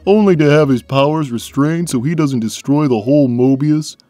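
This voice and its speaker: A man voicing a big, simple-minded, gentle cartoon cat who talks slowly and placidly, taking everything literally. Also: fairly high pitch, no room sound, soft background music, natural voice. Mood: slow, earnest. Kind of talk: cartoon character answering fan questions.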